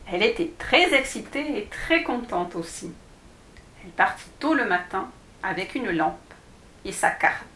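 A woman slowly reading a children's fairy tale aloud as storyteller, in an echoey room. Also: mid-range voice, fairly bright tone, slight background noise. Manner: slow, deliberate storytelling.

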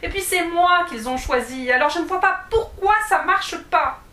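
Une femme qui joue une fillette de six ans, têtue et rêveuse, aux exclamations vives, dans un conte lu à voix haute. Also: female voice, pushed and bright. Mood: indignant. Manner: high and sulky, quick to exclaim. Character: girl of six, stubborn and dreamy. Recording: echoey room.

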